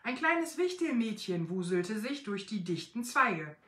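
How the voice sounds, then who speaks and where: A woman hosting a live stream, reading a Christmas story aloud in a lively, expressive way, recorded on a phone. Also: mid-range voice, a little slow, echoey room. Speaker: host of a craft shop live stream. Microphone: phone, filmed upright.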